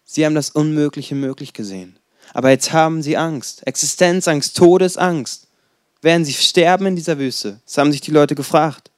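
Junger Mann, lockere Predigt. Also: male voice, a little high, moderate pace, no room sound, clean studio sound. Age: 20s. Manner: conversational, storytelling, rhetorical questions. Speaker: preacher. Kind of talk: casual sermon.

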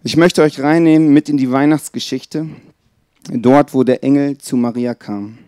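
Male preacher, earnest, talks straight to the congregation, dark mellow tone, dry close sound. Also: medium pitch, steady tone, clean tone, no echo. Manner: earnest, addresses listeners directly; drops to a soft, slow tone when reading scripture. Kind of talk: Christmas Eve sermon. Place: church.

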